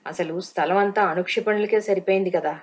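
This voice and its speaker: A woman's voice: medium pitch, steady tone, brisk, close to an everyday voice. A woman voicing a nervous, compliant male guard who answers questions plainly in an audiobook.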